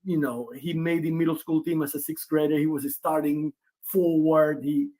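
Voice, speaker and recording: On a casual video-call interview, the player's father, a man in his forties, speaks at length with frequent restarts. His mellow voice sits on the high side, with fairly even intonation and a moderate pace.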